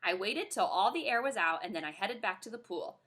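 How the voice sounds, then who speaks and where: Woman reading a children's book aloud, bright, very lively voice. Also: mid-range voice, fairly quick. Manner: expressive, animated. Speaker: reader.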